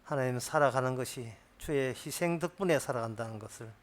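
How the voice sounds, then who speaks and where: A male pastor leading his congregation in an earnest, hushed prayer that trails off at the ends of phrases during a church service. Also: medium pitch, fairly quick.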